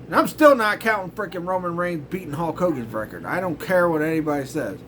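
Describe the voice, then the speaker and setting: Over a noisy background, a middle-aged male host speaks a little fast in a fairly high, expressive voice. His show features casual, exasperated ranting commentary, grumbling and peppered with sarcasm.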